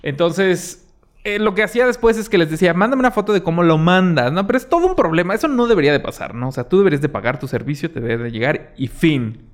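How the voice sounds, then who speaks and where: A man's voice: high voice, quick pace. A young man with a Mexican accent hosting a podcast, telling a story in a casual way and acting out what people said. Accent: Mexican Spanish. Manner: animated, acts out quoted exchanges, many fillers. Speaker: podcast host.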